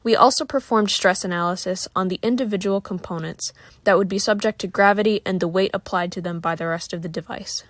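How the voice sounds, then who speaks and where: A woman's voice: mid-range voice, fairly quick, no echo. A young adult woman reading a scripted technical narration as a student presenter.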